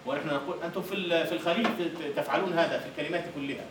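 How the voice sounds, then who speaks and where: Egyptian lecturer in an echoey hall. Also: male voice, on the high side, fairly even intonation. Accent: Egyptian Arabic. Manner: explains words, then recites the verses slowly and emphatically. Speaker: university lecturer. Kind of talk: lecture on Arabic poetry and meter. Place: university lecture room. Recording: echoey room from a distant mic with faint noise.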